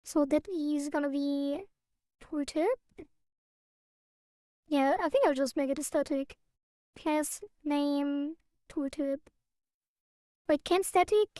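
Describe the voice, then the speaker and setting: A woman with a high, mellow voice livestreams her game coding. She thinks aloud in loose half-sentences and talks at an unhurried pace. The sound is close and dry. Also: steady tone, dry recording. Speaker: game developer streaming. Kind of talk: casual livestream while coding.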